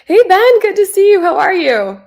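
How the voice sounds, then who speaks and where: A young adult woman, a venture principal, hosts a live online Q&A over a video call, upbeat and friendly with frequent ums, sounding slightly stuffy from a head cold. Her voice is very high and very animated, with a creaky, darkish tone, at a moderate pace.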